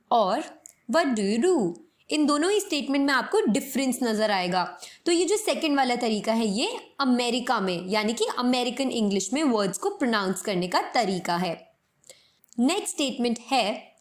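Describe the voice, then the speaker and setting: A young woman with an Indian accent giving an English lesson in Hindi, explaining slowly and demonstrating phrases. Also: sits high. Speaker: English teacher.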